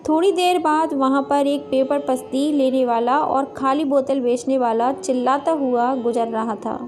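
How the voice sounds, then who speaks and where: A woman's voice: high-pitched, steady tone, unhurried, darkish tone. A woman narrating a family storybook tale in a plain storytelling manner.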